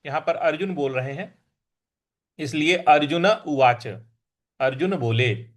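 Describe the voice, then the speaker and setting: A man teaching the recitation of Sanskrit verses, repeating each syllable slowly, stressing sounds and chanting lines in a sung tone. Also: a little high. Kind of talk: verse-by-verse pronunciation lesson.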